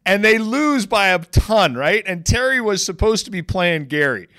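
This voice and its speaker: A man's voice: sits high, big pitch swings, normal speed, pushed and bright. A man hosting a casual chat, prompting guests and retelling stories. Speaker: podcast host.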